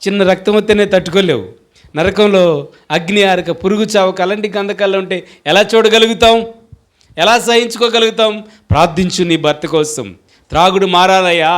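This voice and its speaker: A man with a Telugu accent, a pastor preaching a sermon in a church hall, asking rhetorical questions and building to loud chanted declarations. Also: high voice, moderate pace, pauses often.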